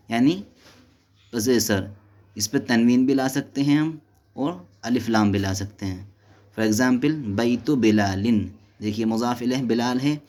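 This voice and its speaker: Male teacher, slow deliberate delivery, walks through grammar with questions and answers. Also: mid-range voice, a little mellow. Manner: explains step by step, asks and answers his own questions; mixes Hindi-Urdu with English and Arabic terms. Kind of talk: classroom lesson explanation.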